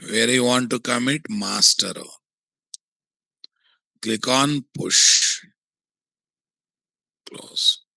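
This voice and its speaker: A man with a Telugu Indian English accent giving a software tutorial, thinking aloud and often asking questions that he answers himself. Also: medium pitch, creaky, dry recording, rough recording. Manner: asks and answers his own checking questions.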